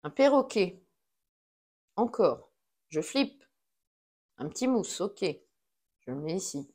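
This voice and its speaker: A woman's voice: on the low side, sing-song, takes it slowly, dark tone. A woman talking herself through a solo board game, placing cards and counting pieces aloud in a casual running commentary.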